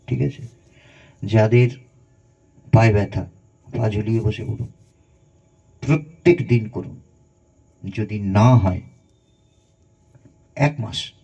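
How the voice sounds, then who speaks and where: A man's voice: medium pitch, creaky, warm tone, slightly rough. A man, a spiritual guru, giving a conversational devotional satsang talk and guiding the listeners through breathing meditation, on a dull lo-fi recording.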